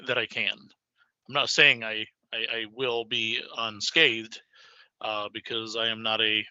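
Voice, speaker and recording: Bright, tense-voiced man playing a tabletop game. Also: mid-range voice, dry recording. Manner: hesitant, many fillers and restarts. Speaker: player. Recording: dry, dull lo-fi audio.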